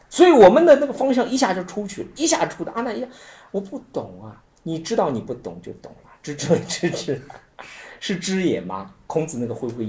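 A man giving an informal Buddhist teaching talk, telling stories in an animated way with many repetitions. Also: fairly high pitch. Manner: animated storytelling with frequent repetitions and acted-out quotes.

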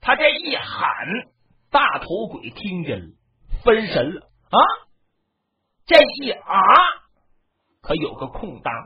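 A traditional storyteller narrating a battle tale dramatically, with shouted lines and mouth sound effects. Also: medium pitch, huge pitch swings, slow pace, pauses often, breathy edge. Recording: dull lo-fi recording.

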